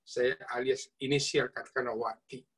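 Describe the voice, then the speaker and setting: A man's voice: medium pitch, level tone, normal speed, fairly bright tone, husky. A man preaching at an online prayer meeting, telling a long story and often addressing his listeners directly. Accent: Indonesian. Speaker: lay preacher. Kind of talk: sermon with storytelling.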